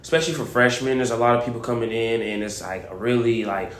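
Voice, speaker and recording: A young man from Waco talks easily on a student podcast at an ordinary middle pitch. His phrasing is loose and rambling, and he stays relaxed. The room is echoey. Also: quick pace. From Waco, Texas. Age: young adult. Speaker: podcast co-host, student community leader. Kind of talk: casual podcast chat.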